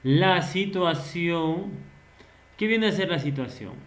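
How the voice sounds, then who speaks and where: A man gives a recorded online lesson in a slow, measured delivery. He explains patiently, asks his students rhetorical questions and acts out short example phrases. The room around him is echoey. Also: on the high side, a bit bright. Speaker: teacher.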